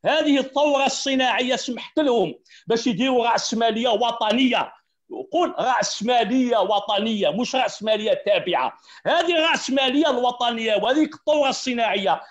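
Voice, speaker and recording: A man's voice: extremely high pitch, highs cut off. A man with an Algerian Arabic accent, a panelist arguing his point in a heated debate, repeating key words and laughing between points.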